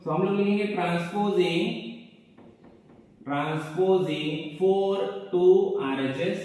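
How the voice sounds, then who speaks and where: A man's voice: high voice, slow, a little mellow, far from the mic. A man teaching maths step by step, repeating points and asking questions that he answers himself. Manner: repetitive, coaxing, asks and answers his own questions. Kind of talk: board lesson explaining step by step. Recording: echoey room, voice from off-mic.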